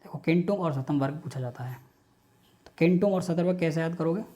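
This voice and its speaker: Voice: medium pitch, brisk, warm tone. A teacher giving an online class lecture, patiently repeating lists aloud in rhythmic drills and coaxing students to memorize them.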